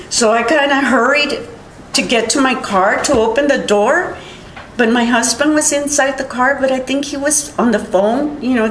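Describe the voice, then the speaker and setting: An older woman giving courtroom testimony, retelling events in a halting, rambling way with many restarts. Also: fairly high pitch, a bit bright, echoey room, a little hiss or hum, low-quality recording. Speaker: witness.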